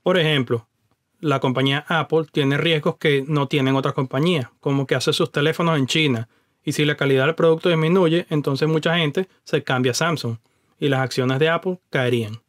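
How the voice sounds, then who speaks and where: A man with a fairly high voice walks the listener through stock market basics in a friendly, explanatory voice-over. He speaks straight to the viewer and drops in the odd English word. The sound is dry and close, with no room around it. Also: no room sound. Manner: conversational and explanatory, addresses the viewer directly; mixes in English words. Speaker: personal finance YouTuber. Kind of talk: explaining investing over screen recordings.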